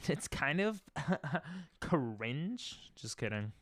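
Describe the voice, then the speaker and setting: This Hebrew-speaking streamer talks casually while gaming, reading chat out loud and improvising silly rhymes. He speaks extremely slowly in a slightly high voice with big pitch swings and a fairly bright tone, recorded dry with clean studio sound.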